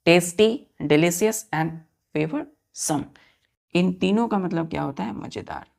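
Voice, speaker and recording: A woman's voice: fairly low pitch, measured pace, gravelly, a little mellow. A woman teacher giving a vocabulary lesson, spelling words out letter by letter and asking questions of her students.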